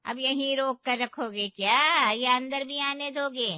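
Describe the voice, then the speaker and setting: A woman voicing a bossy, sharp-tongued old aunt-in-law in a cartoon story, scolding and demanding. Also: high-pitched, steady tone, measured pace, clean tone, no echo, voice pushed up. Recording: dull dry recording.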